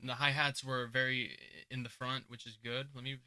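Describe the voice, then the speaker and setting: A young man hosting his channel and judging beatbox entries in casual reaction commentary, chatty, laughing often, and shifting between mumbled asides and loud remarks. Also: medium pitch, flat delivery, moderate pace. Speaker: beatbox judge and channel host. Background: beat music playing.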